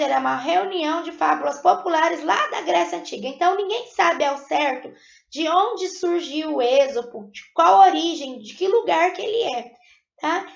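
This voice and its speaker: A woman's voice: high voice, vocal fry. A woman teaching a recorded lesson, explaining step by step with patient check-ins. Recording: echoey room, dull lo-fi sound.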